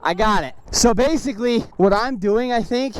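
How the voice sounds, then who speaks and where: A young man vlogging outdoors, chatting casually and swearing while practicing wheelies, excitable and easily frustrated. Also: sits high, moderate pace. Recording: noisy outdoor recording with engine sounds.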